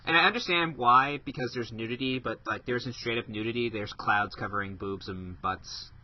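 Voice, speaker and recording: A man's voice: medium pitch, normal speed. A man co-hosting a casual gaming podcast in a laid-back, amused way. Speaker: podcast co-host. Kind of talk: casual chat. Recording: dull lo-fi podcast mic.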